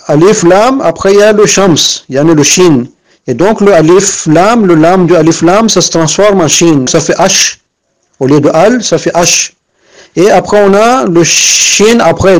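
A man's voice: on the high side, low-quality recording. A man giving a spoken lesson, explaining patiently with frequent fillers and restarts, and repeating examples several times. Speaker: Arabic reading teacher.

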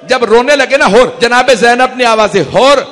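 High-voiced man preaching in echoing hall. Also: fairly bright tone. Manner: fervent, declamatory storytelling. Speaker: mourning-gathering preacher. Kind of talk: sermon recounting a lament. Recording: long hall reverb.

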